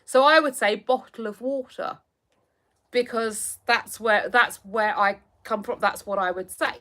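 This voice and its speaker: An English woman in her thirties hosts a livestream, chatting casually and reacting to viewer comments. Her voice is a little high with a sharp tone, and she speaks unhurriedly.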